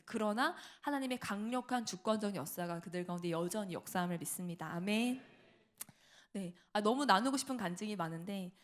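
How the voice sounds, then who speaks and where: A middle-aged woman preaches in a church, telling a testimony at a quick clip. She drops into the voices of the people in her story and keeps the telling lively. Her voice sits at an ordinary middle pitch. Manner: lively storytelling with laughter and acted-out quotes. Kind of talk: sermon testimony. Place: church sanctuary.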